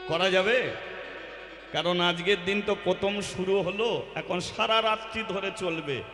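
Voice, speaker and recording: A man's voice: high-pitched, unhurried. A man with a Bengali accent gives a devotional sermon, asking his listeners rhetorical questions, then leads a call-and-response chant. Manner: preaches with rhetorical questions and acts out homely examples. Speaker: kirtan singer and preacher. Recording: roomy live hall with loud music.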